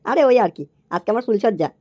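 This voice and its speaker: A woman's voice: medium pitch, lively intonation, brisk, warm tone, lightly acted. A woman voicing a cheeky, lazy young husband in a comedy cartoon, giggling and talking back. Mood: sly.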